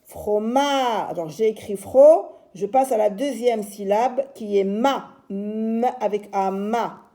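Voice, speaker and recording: Slow patient woman teaching children. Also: medium pitch, mellow. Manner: slow, patient, spells out syllables. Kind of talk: reading lesson for young children.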